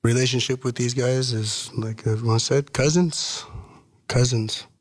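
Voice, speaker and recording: A man in his thirties from Washington state, a podcast guest who tells his story in an earnest, measured way. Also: mid-range voice, steady tone, no echo, clean studio sound. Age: 30s. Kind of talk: casual podcast conversation.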